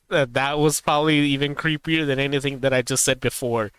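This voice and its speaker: A man in casual live-stream chat, reacting to a video. His voice is smooth and resonant, recorded dry and close with no room echo. He rambles, laughs easily and drives his warnings home with emphasis. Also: mid-range voice, fairly even intonation, moderate pace, a bit bright.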